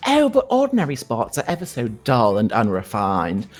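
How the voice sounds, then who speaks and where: A woman's voice: very deep voice, wildly swooping pitch, moderate pace, soft background music, heavily acted. A woman voicing a pompous, pretentious young man with a lofty, affected delivery.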